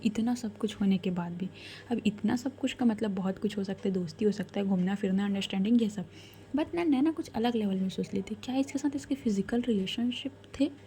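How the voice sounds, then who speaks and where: A woman's voice: mid-range voice, mellow. A woman telling a love story in a chatty, casual way, talking straight to her listeners. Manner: chatty, addresses listeners directly.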